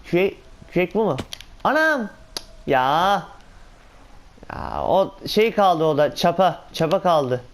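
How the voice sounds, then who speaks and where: A man giving casual, excitable commentary on his own gameplay, talking to himself and exclaiming often. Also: on the high side, moderate pace. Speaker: gaming channel host.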